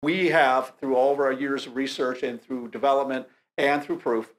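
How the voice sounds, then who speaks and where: A man's voice: mid-range voice, steady tone, normal speed. A man appearing as a guest in a casual interview, explaining his product with a sports analogy and light joking. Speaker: company representative guest.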